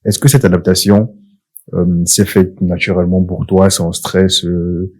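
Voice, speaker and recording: Deep-voiced man hosting a podcast. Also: flat delivery, mellow, husky, low-quality recording. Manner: measured and reflective, many hesitations. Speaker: podcast host. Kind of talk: casual podcast conversation.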